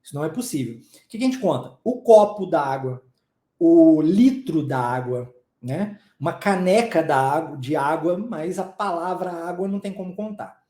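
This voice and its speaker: A man's voice: on the high side, animated, normal speed, warm tone, echoey room. A man with a Southeastern Brazilian accent, teaching English pronunciation in a live class in a chatty way and checking in with his students often. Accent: Southeastern Brazilian Portuguese. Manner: chatty, checks in often with "tá?", coughs now and then. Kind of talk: live online class, casual explanation.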